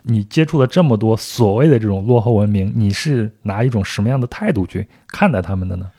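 A man hosting a podcast interview, putting measured, deliberate questions to his guest and reading a quotation aloud. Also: lowish voice, animated, warm tone, husky. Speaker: podcast host.

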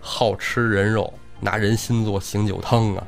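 一位男性播客主持人用生动幽默的方式讲述古典小说故事。. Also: male voice, fairly low pitch, normal speed, gravelly, faint music behind. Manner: animated, humorous retelling. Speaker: podcast co-host, storyteller. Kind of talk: lively storytelling chat.

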